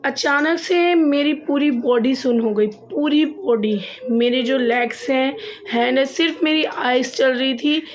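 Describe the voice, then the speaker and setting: Young female vlogger, slightly high voice, casual storytelling, repeats herself for emphasis. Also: unhurried. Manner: chatty, repeats phrases for emphasis, laughs at herself.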